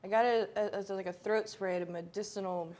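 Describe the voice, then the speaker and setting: A woman chef guessing flavors while blindfolded, blunt and quick to swear and laugh. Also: mid-range voice, fairly even intonation, darkish tone. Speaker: guest chef. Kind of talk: blindfolded taste test chat.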